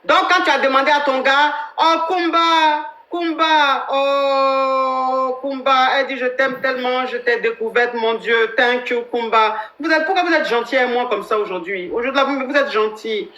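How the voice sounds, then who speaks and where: A woman runs a live advice stream in an animated, chatty way. Her voice is high and bright, and it sits in a noticeably echoey room. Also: normal speed. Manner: animated, thanks viewers by name. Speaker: live-stream relationship coach.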